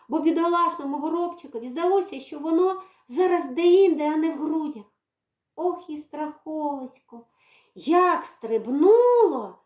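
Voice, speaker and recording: High-voiced woman, expressive storybook reader, echoey library room. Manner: expressive, dramatic reading. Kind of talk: storybook narration.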